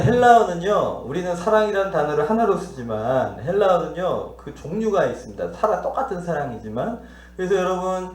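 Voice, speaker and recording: Male pastor, high-pitched, preaching with questions to the congregation and acted dialogue, in a reverberant church. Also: a little mellow. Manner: teaching, asks the congregation questions and acts out dialogue. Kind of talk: sermon. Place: church sanctuary.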